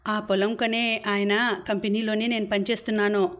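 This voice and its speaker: A woman's voice: medium pitch, little pitch movement, moderate pace, a bit bright, close to an everyday voice. A woman reading the part of a friendly young man who teases a childhood friend, in a light, easygoing way. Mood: earnest. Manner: teasing, easygoing.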